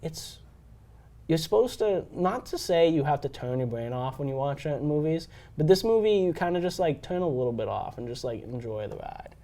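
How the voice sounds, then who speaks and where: A man's voice: a little high, very animated, brisk, mellow. A young man co-hosting a casual film podcast, explaining his take in a rambling way with lots of fillers. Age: young adult. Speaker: podcast co-host. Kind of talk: casual chat.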